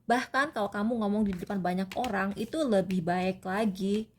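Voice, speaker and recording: A woman's voice: mid-range voice, steady tone, moderate pace, darkish tone, slight background noise. Woman from Indonesia, tarot reader, casual advice chat, loose and chatty, many fillers and restarts.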